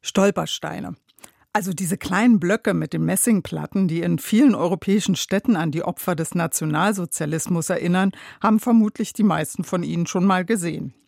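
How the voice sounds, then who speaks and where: A radio reporter opens a scripted feature, speaking straight to the listener in an engaging way. The voice has a gravelly edge and a dry, close sound. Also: mid-range voice, brisk, darkish tone, dry recording. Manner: engaging, addresses the listener directly.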